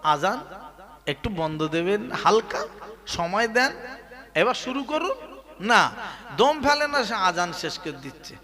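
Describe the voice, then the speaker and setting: A man preaching a sermon, chanting in a melodic way that swings between soft talk and crying shouts. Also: high voice, sing-song, measured pace, long pauses. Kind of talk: sung Bengali sermon.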